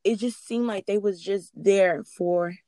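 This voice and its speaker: Animated woman podcast host. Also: mid-range voice, unhurried, no room sound. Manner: animated storyteller, acts out quotes. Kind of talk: faith-based interview conversation.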